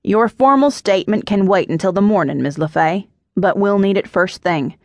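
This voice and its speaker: A woman voicing a steady male police detective who questions people in a formal, clipped way. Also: mid-range voice, normal speed, dry recording, lightly acted. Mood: brisk.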